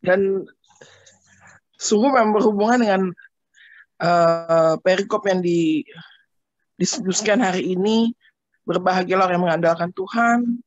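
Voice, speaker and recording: A woman sharing in a Bible study discussion, speaking up loudly and earnestly. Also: medium pitch, unhurried, long pauses, no echo, lo-fi sound.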